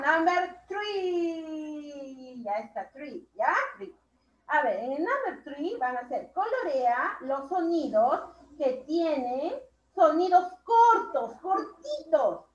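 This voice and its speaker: Woman teacher, high voice, slow and drawn-out, heaps praise on small kids, roomy lo-fi call audio. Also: very animated. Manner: slow, drawn-out words, warmly praising children. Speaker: primary school teacher. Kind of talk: online class instruction.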